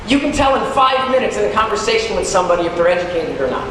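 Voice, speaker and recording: In a big hall at a teachers' conference, a high-voiced man, himself a teacher, delivers a motivational keynote to teachers, conversational yet dramatic, stretching key words for emphasis in a very fast, sing-song style. He sounds distant from the mic, with heavy echo and clear background noise.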